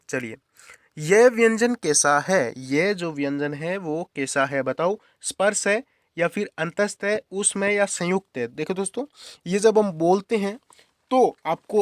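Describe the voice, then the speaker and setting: A man's voice: sits high, no room sound, studio quality. A young man teaching Hindi grammar as a quiz, casually repeating each question and answer to drill it in. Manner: casual, addresses viewers as friends and brother. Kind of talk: quiz-style exam-prep lesson.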